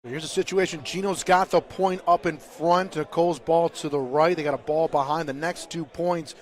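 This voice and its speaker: A man calling a bocce final live, talking through the options calmly and then erupting with excitement when a shot lands. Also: a little high, moderate pace. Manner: calm explaining, then loud excited bursts on big shots. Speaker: play-by-play commentator. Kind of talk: live sports commentary. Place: indoor bocce court.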